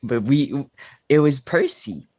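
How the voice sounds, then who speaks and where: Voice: mid-range voice, slow pace, a little mellow. A tabletop game player speaking in casual role-play.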